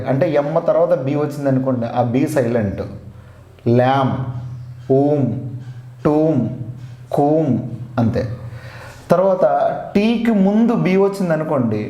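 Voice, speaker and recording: A man's voice: fairly high pitch, mellow. A man with a Telugu accent teaching an English grammar lesson, patiently repeating each rule and spelling words out letter by letter. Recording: roomy echo.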